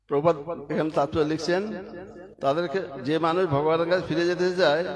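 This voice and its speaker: A man giving a devotional sermon, telling stories and leading the listeners in chanting. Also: on the high side. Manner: storytelling, leads chanting. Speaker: preacher. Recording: crowd noise behind.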